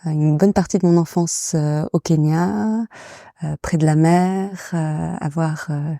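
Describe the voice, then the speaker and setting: A young woman from England who was raised in France appears as a guest in a casual interview, where she is an association director. Her low, dark, rather flat voice has vocal fry, and she speaks hesitantly with many fillers and pauses. The recording is dry and close.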